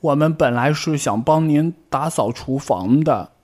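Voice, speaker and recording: A man's voice: a little high, a little slow, darkish tone, voice pushed up. A man doing a stubborn little frog kid. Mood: defiant. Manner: defiant, answering back. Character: young stubborn frog child.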